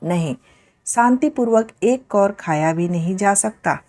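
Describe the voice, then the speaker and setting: A woman's voice: mid-range voice, lively intonation, unhurried, a little mellow, lightly acted. A woman voicing an irritable middle-aged male lawyer who answers in a bitter, snapping tone in a read-aloud story. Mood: irritated.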